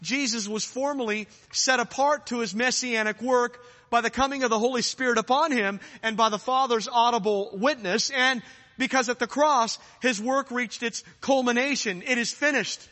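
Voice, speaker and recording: A man's voice: very high-pitched, normal speed, pushed and bright. Man, preacher, sermon, fervent, reverberant hall. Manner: urgent, rising to fervent challenges.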